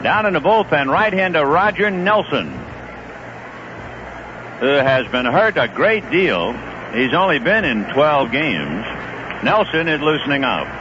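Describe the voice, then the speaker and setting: A male play-by-play announcer calls a baseball game at an unhurried pace, his slightly high voice rising and falling freely. His delivery is conversational but jumps into bursts of excitement on big plays. It sounds like a dull old radio broadcast with a clear layer of hiss on top.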